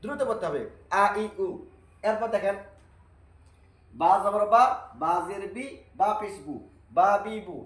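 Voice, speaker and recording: High-voiced man teaching Arabic letters. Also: animated, reverberant, poor audio. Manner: repeats drills slowly and patiently, asks and answers own questions. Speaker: Quran teacher. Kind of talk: Arabic reading lesson.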